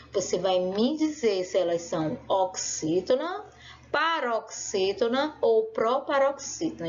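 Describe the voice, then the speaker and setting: A woman's voice: medium pitch, a little hiss or hum. A woman teacher giving a remote lesson, explaining patiently and drawing out her words with lots of diminutives. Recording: dull lo-fi recording.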